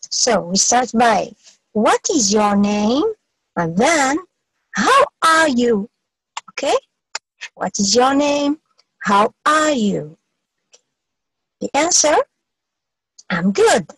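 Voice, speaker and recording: Husky-voiced woman teaching English. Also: fairly high pitch, big pitch swings, a bit bright, no echo, rough recording. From Algeria. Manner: repeats phrases slowly and clearly, then translates. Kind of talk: bilingual English lesson, slow model phrases.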